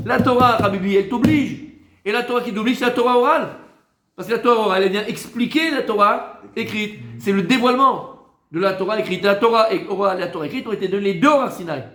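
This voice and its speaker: A man, a rabbi, giving a Torah lesson in a lively way, teasing his listeners with joking asides. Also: high-pitched, fast talker, reverberant, slight background noise.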